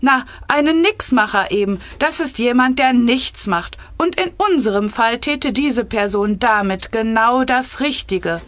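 A woman's voice: a little high, animated, measured pace, hardly any pauses, a bit bright, no room sound, pitched above the performer's own voice. A woman doing a sly, grinning male minister. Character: smug male health minister in a cabinet.

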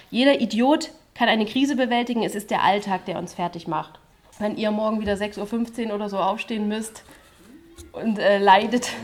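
A woman with a slightly high voice performs spoken-word poetry live on stage, without a microphone. Her delivery is rhythmic and chant-like. She breaks into stuttering, repeated refrains.

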